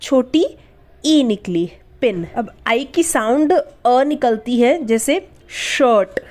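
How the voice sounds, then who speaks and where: A woman gives a slow, unhurried phonics lesson in a somewhat high voice. She spells out each example word and then answers her own questions about its sounds. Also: lively intonation, a little mellow. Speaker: English teacher.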